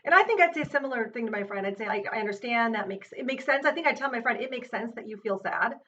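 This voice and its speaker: A woman teaching self-compassion, guiding an exercise in a gentle, unhurried way and thinking aloud with fillers and restarts. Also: a little high, lively intonation. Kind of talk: guided exercise with her child. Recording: distant, muffled mic with faint hiss.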